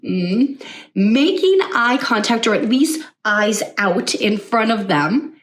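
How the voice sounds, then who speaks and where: High-energy woman coaching, slightly off-mic. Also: slow, far from the mic. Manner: energetic, conversational, often asks "right?". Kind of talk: teaching to camera.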